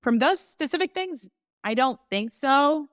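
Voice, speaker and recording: A woman from the Dominican Republic, a business co-owner, talking quickly and animatedly as an interview guest and often quoting herself. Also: sits high, lively intonation, fairly bright tone, no echo. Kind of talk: casual conversational interview.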